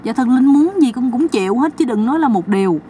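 Woman putting on a high flustered naive woman. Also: expressive, fairly quick, dark tone, close to an everyday voice. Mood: pleading. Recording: distant mic, faint background noise.

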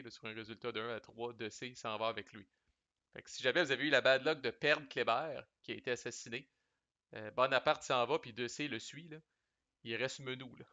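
Québécois male reviewer, bright and forceful delivery, chatty and slangy, dry slightly muffled recording. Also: mid-range voice, no echo. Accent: Québécois French. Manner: chatty, loose, sprinkles English game terms and salty slang. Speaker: board game reviewer. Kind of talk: casual explanatory commentary.

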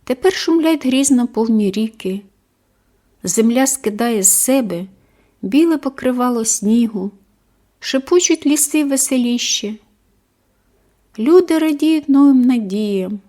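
Brief: female audiobook narrator, measured and expressive, a bit higher-pitched voice. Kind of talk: scripted first-person story narration.

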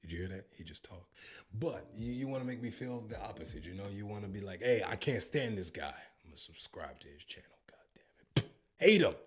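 A man in his thirties from the United States, with an American accent, jokes and boasts while reacting to a language-learning app in playful commentary. His voice is on the low side, lively and brisk with a breathy edge, and he speaks into a handheld mic in a home studio lit purple.

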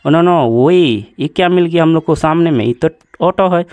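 A man's voice: fairly high pitch, moderate pace, darkish tone, dry recording. A man narrating his toy play for a children's channel, exclaiming often and talking to the toys.

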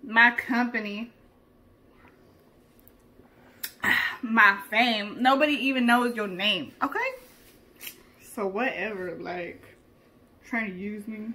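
A woman playing a dramatic, sassy young woman who thinks she is famous, talking in slang and swinging from hushed confiding to loud indignation. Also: medium pitch, slow, a little hiss or hum. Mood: boastful. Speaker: interviewee. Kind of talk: comedy sketch acting.

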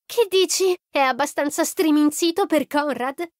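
A woman's voice: high voice, normal speed, no echo, clean studio sound, pitched above the performer's own voice, lightly acted. A woman voicing a bubbly, vain teenage girl who talks in a gushing, showy way.

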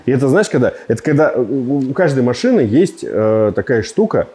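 Wearing a lapel mic inside a spacious showroom, a thirty-something man talks through a car review at a brisk clip in a medium-pitched voice. His delivery is loose and jokey, wandering off on tangents while he gestures energetically.

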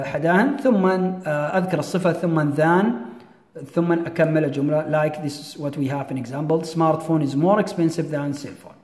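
Man, high voice, echoey room, slow deliberate English. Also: a little mellow. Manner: switches between slow, drawn-out English and quick Arabic explanations. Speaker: English teacher. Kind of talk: bilingual grammar lesson.

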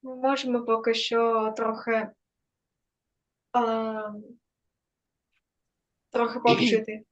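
Lady counting dance beats super slow on a muffled zoom call, kinda high voice. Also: flat delivery. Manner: slow, drawn-out counting with encouraging cues. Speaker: dance teacher. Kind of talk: counting dance moves in an online class. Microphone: video call. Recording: dull lo-fi video call audio.

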